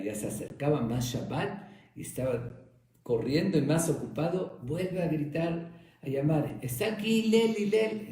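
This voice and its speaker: A male rabbi teaching a Talmud lesson as an animated storyteller. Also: medium pitch. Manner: animated storytelling, acts out voices. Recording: echoey room.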